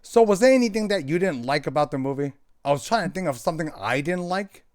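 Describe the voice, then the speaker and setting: A man's voice: on the high side, animated, fast. A man co-hosting a casual film discussion, asking questions tentatively and often checking for agreement. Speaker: movie podcast co-host.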